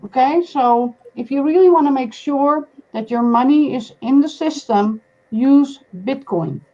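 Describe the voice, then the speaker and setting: Over a muffled recording, a high-pitched woman with a dark tone speaks unhurriedly while hosting a relaxed live-stream video call. She steers the talk, questions her guests, and offers viewers advice.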